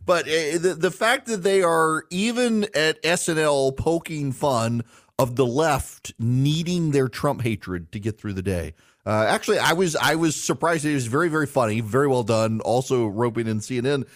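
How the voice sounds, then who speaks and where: A man's voice: mid-range voice, normal speed, dry recording, studio quality. A man hosting a talk radio show, giving emphatic political commentary and sponsor reads, repeating phrases for stress.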